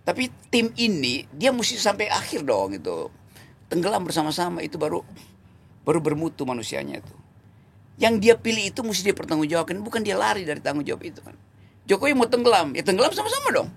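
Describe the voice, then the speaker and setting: A political commentator in an interview, this man sounds high-pitched, gravelly, fast, and very animated, with slight background noise. He mocks with sarcasm, laughs in the middle of sentences, and repeats and corrects words while groping for what to say.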